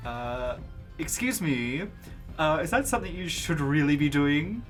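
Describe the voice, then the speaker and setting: Lively-voiced man playing at the table. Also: a little high, measured pace. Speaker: player. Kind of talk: tabletop role-play. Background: background music.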